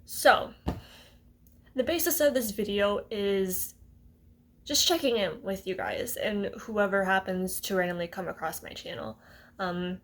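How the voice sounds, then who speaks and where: A woman's voice: mid-range voice, measured pace. Hesitant young woman rambling to camera. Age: twenties. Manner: rambling, hesitant, laughs often. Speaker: vlogger. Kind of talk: casual talk to camera.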